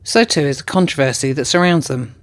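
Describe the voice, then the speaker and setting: A man narrating as a correspondent in a measured, formal documentary style. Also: a little high.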